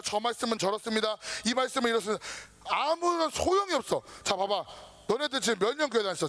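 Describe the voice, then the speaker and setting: A man preaching a casual sermon to a youth group, lively and informal, acting out his listeners' worries. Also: very high voice, husky. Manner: lively, talks down to students casually, acts out their worries. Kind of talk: sermon to teenagers.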